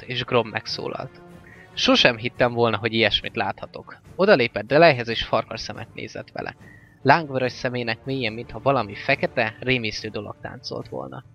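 A man reading a fantasy novel aloud as an audiobook narrator, in a steady, even-paced way. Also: mid-range voice, vocal fry. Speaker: audiobook reader. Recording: slightly dull lo-fi with faint music.

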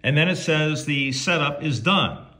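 This how-to presenter is a man whose voice sits on the high side, animated and a little slow, as he folksily narrates each step to himself. He's recording indoors at home by a tabletop radio, with plenty of noise and clicks audible.

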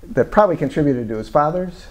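An older man, interviewed as an author on a lapel mic in a small parlor-style room, talks casually in a reflective, meandering way full of fillers. He speaks fast, his voice on the high side with lively intonation.

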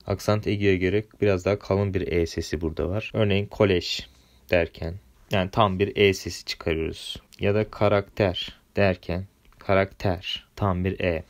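A man with a Turkish accent teaching a French grammar lesson, patiently spelling out sounds letter by letter. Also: deep voice.

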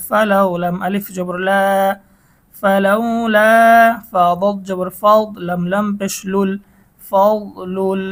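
Bangladeshi guy teaching quran reading, spells each letter then stretches the word out slow. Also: sits high. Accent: Bangladeshi Bengali. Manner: spells out letters and vowel marks, then draws out whole words slowly.

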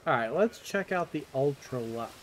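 A man's voice: mid-range voice, expressive, moderate pace, slight background noise. A man hosting a gameplay video, casually thinking aloud as he plays. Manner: thinks aloud, echoes game dialogue. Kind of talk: casual game commentary.

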